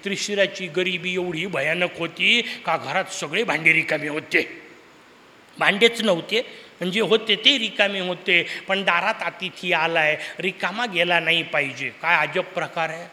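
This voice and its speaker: A man's voice: high-pitched, unhurried, bright, forceful tone, slight background noise. A man giving a devotional discourse to an audience, telling a story with humor, rhetorical questions and sudden emphatic bursts, with a Marathi accent. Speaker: preacher of a discourse series. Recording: hall with long reverb.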